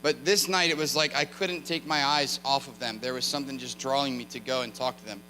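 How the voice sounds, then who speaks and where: A man's voice: medium pitch, a little fast, a little hiss or hum. Storytelling male preacher in a reverberant church. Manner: conversational, animated storytelling with asides to the congregation. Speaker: guest preacher. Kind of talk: sermon with storytelling. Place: church sanctuary.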